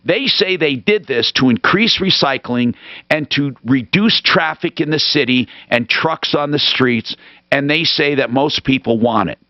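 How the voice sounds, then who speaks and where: A man's voice: medium pitch, unhurried, no echo, muffled recording. A man hosting a call-in radio show, talking off the cuff in an emphatic, brusque way and cutting in on callers. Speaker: radio talk show host. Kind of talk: unscripted call-in talk.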